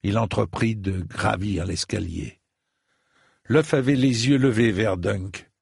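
A man reading a story aloud as an audiobook narrator, measured and deliberate, close to a studio mic. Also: on the low side, dry recording. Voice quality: gravelly. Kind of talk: scripted narration.

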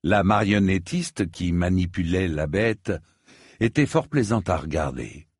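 A man narrating a story as an audiobook, in a slow, measured reading. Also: sits low, expressive, darkish tone, breathy edge, no room sound, clean studio sound.

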